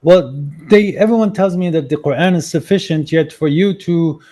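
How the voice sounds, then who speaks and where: A man from Syria with a dark, mellow voice, calling in to a live debate. He speaks in a measured, hesitant way and pauses on fillers. His voice comes over a distant call line. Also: a little high. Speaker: caller, debate guest. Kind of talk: casual debate.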